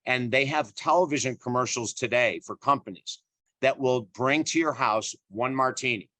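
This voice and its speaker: A man's voice: mid-range voice, moderate pace, sharp tone, dry recording. A middle-aged man, an author speaking as an interview guest, talking emphatically and earnestly with lots of "you know" fillers and repeated phrases. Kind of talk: conversational interview.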